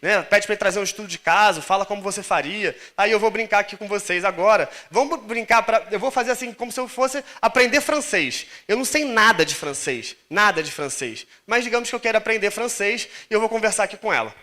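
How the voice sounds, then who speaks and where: A lecturer with a Brazilian Portuguese accent speaks fast in a high, expressive, pushed, bright voice with hardly any pauses. On a stage before an audience, he gives a casual, joking live conference talk full of slang.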